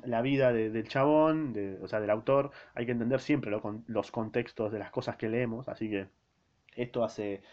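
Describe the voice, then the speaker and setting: A man's voice: medium pitch, moderate pace, darkish tone. Argentine male podcast host, casual slangy book recap, rambling. Dull lo-fi sound. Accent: Argentine Spanish. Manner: slangy, rambling, self-interrupting. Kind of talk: casual spoken book summary. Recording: dull lo-fi recording.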